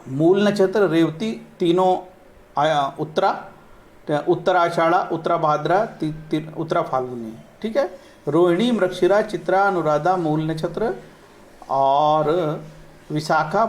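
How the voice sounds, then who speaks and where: A man teaching in a relaxed conversational way, slowly chanting Sanskrit verses and often checking in with his listeners. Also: high-pitched. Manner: conversational, slips in English words, often says "ठीक है". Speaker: astrologer teaching from scriptures. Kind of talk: casual spoken lesson.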